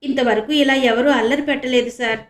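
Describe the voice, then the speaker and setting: A woman's voice: sits high, fairly even intonation, brisk, natural voice. A woman voicing an anxious older male shopkeeper in a storybook reading, polite and pleading. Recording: echoey room.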